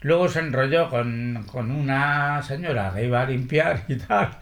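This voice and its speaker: An older man from Spain, interviewed about his past, telling lively stories full of salty slang and quoting others as he goes. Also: medium pitch, normal speed, vocal fry. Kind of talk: oral history interview.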